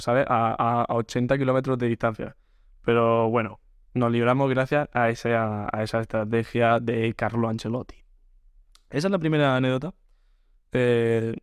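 A young man hosting a podcast, telling a comic story in an animated way, acting out quotes and often restarting. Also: mid-range voice, normal speed, clean tone, dry recording, clean studio sound. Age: young adult. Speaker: podcast host. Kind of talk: comedic storytelling monologue.

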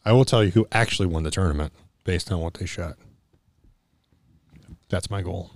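Man, casual chat co-host, blunt and opinionated, very low voice, dry. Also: normal speed, dry recording. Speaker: podcast co-host.

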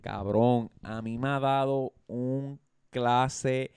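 A man's voice: mid-range voice, extremely slow, clean tone, no room sound, studio quality. A man co-hosting a casual podcast, telling stories animatedly and swearing freely. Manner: animated storyteller who swears freely and acts out scenes. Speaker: podcast co-host. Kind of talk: casual chat.

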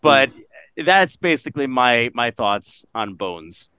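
A man chatting casually in a movie review podcast, animated and laughing often as he acts out lines from the film. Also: mid-range voice, takes it slowly, clean tone. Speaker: podcast co-host.

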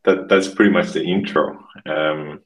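A man from Estonia in his thirties, a podcast guest talking casually and haltingly, often restarting and repeating words. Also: sits low, fairly even intonation, poor audio. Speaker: podcast guest, marketing expert. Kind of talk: casual interview conversation.

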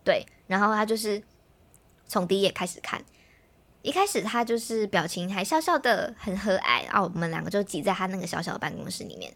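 A young woman, telling a personal story in animated, casual chat as a podcast host. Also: medium pitch, creaky. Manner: fast, animated storytelling, mimics others' voices.

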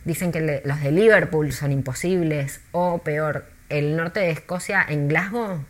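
An Argentine woman who works as a tour guide, chatting in an interview with lively, storytelling delivery and many restarts. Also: sits low, measured pace. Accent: Argentine Spanish.

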